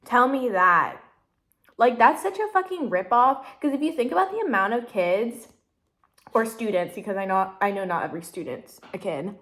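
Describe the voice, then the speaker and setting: A woman's voice: on the high side, expressive, normal speed, fairly bright tone. Woman, 20s, casual eating vlog; rambling, filler-heavy chat, sometimes mouth full. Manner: chatty, rambling, heavy use of "like" and "literally". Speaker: vlogger.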